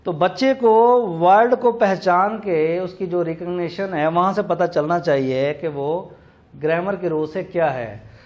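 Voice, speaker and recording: Man, high voice, teacher's lecture, spells words letter by letter, muffled lo-fi sound. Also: measured pace, a little mellow. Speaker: English teacher giving a recorded lecture. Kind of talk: classroom lecture. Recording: dull lo-fi recording.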